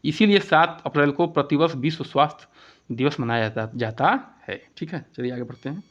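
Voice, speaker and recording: A man's voice: fairly high pitch, brisk. A man teaching an exam-prep lesson, who poses each question and then answers it himself and repeats the key points. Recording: dull lo-fi recording.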